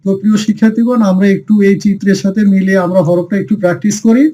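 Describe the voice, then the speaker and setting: A man's voice: high voice, steady tone, rapid-fire, warm tone, muffled recording. A man teaching a recorded class on reading the Quran, asking questions and answering them himself in a patient, repetitive drill.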